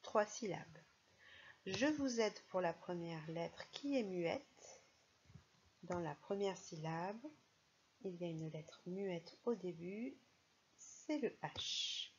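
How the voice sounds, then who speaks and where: A woman's voice: on the low side, lively intonation, slow pace, long pauses, highs cut off, a little hiss or hum. A woman teaching a primary school phonics lesson, speaking patiently and stressing each sound and syllable.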